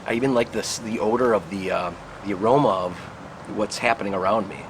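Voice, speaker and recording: A man with a fairly low voice chats through a casual product review, puffing on a pipe as he talks. He muses slowly and lets thoughts trail off. The recording is outdoors, with clear wind and traffic noise around him.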